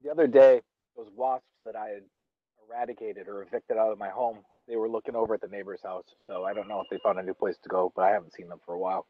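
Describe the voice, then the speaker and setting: A man's voice: fairly low pitch, steady tone, quick pace, breathy edge, no echo, phone-quality sound. A young man vlogging while he eats outdoors, rambling casually with fillers and restarts. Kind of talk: casual talk while eating. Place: outdoors under a tree in a yard.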